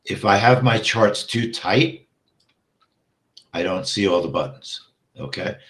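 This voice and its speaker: A trading instructor with a low, slow voice leads a live trading walkthrough in a reverberant space. He explains things step by step in a steady manner, often checking in with "okay?" He's getting hoarse and keeps clearing his throat.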